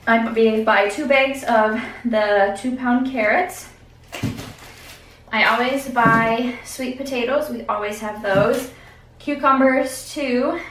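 A woman's voice: a little high, fairly bright tone, recorded from a distance, slight background noise. A young adult woman walking through her groceries in casual vlog chat, thinking aloud with fillers, recorded at home in her kitchen by a camera a few steps away. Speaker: vlogger. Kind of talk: casual grocery haul walkthrough. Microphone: camera at a distance. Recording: echoey kitchen, voice from off the mic.

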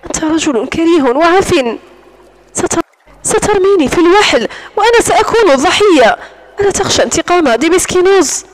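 A proud young woman held against her will who answers back with scorn, as a woman narrator voices her. Her voice sits high in an audiobook reading. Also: expressive, brisk. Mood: defiant. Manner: defiant and scornful.

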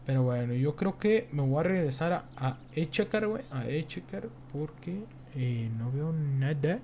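A young Mexican man with a slightly high-pitched voice, talking over his own gameplay. He swears freely and fills almost every phrase with street slang, in a loose, rambling commentary. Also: lively intonation, normal speed, mellow, slight background noise. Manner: profane, slangy, says "güey" after nearly every phrase. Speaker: gameplay streamer.

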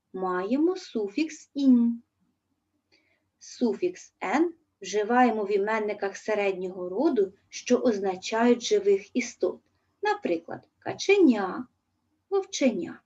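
A woman teacher with a Ukrainian accent giving a remote school lesson, dictating words and suffixes slowly and carefully. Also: mid-range voice, darkish tone, breathy edge. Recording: dull, lo-fi recording.

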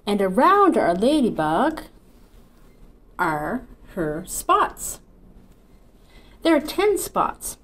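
A fixed camera a few feet away records her in an armchair in a small indoor room with an echo. The Canadian children's librarian, middle-aged with a Newfoundland accent, reads at home in a cheerful, sing-song, encouraging way. Her mid-range, fairly bright voice swoops wildly in pitch, goes very slowly and pauses often.

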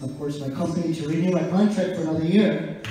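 A man sharing a casual spoken testimony at a small church, talking in a relaxed way with lots of "you know" and "like". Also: on the high side, quick pace, soft background music. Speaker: church member giving a testimony. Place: small church hall with a band. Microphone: handheld mic, filmed from a far phone. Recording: very echoey hall, far from the mic.

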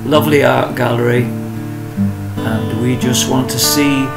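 A man's voice: medium pitch, fairly even intonation, takes it slowly, poor audio. A man narrating a casual street tour and interviewing buskers, speaking in a chatty commentary manner. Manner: chatty, touring commentary with asides. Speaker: host and interviewer. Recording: loud busker music in background. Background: loud street music.

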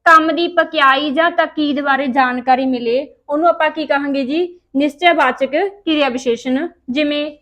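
A woman's voice: sits high, normal speed, hardly any pauses, pushed and bright. A woman teaching grammar, asking the class questions and then answering them herself. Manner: Punjabi-style informal speech. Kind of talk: explaining grammar to students.

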